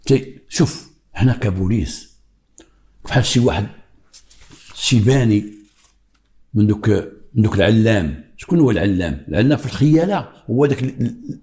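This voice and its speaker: An older man with a Moroccan accent, a retired police investigator telling a true crime story with dramatic pauses and imitated heartbeats. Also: mid-range voice, a little mellow.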